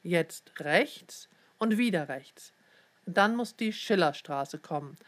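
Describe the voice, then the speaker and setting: A woman's voice: on the low side, lively intonation, takes it slowly. A woman voicing a tall, clever schoolboy who is insistent and a little cheeky, in a storybook reading. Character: clever tall schoolboy Leon, confident know-it-all.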